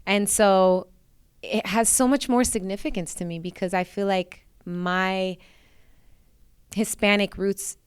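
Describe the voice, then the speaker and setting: Smooth-voiced woman chatting in an interview. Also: mid-range voice, fairly even intonation, takes it slowly, dry recording. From New York, USA. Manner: warm, chatty, laughs often. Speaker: singer, interview guest. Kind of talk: casual interview chat.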